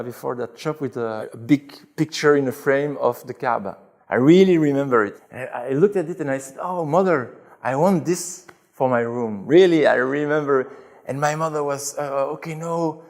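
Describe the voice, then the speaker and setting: Gravelly-voiced man. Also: medium pitch. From Belgium. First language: French. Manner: thoughtful, hesitant with many restarts. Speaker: interview guest. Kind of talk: conversational interview answers.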